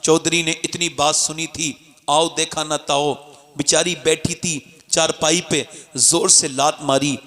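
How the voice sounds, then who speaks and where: A man preaching a sermon to a live audience, moving from calm storytelling to impassioned shouting and urging the crowd to call back. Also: a little high, unhurried, long reverb tail. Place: religious gathering with a live audience.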